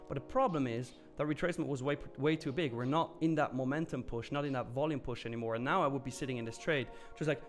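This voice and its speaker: He speaks fast with few pauses, his pitch medium, while faint music plays behind him. This Swiss man hosts a live trading stream, answering viewers' comments in loose, candid chat full of fillers and the occasional curse.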